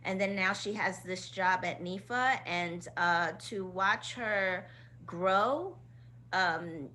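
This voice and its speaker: A woman's voice: medium pitch, takes it slowly, bright, forceful tone. A woman with a Queens, New York accent talking casually in an interview as a guest, emphatic and heartfelt. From Queens, New York, United States. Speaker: guest, choreographer and company founder.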